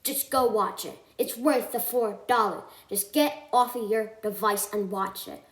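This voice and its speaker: A woman's voice: on the high side, unhurried. Earnest woman reviewing films in an echoey room. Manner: earnest, emphatic, with frequent self-corrections. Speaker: film reviewer. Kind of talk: scripted film review voice-over.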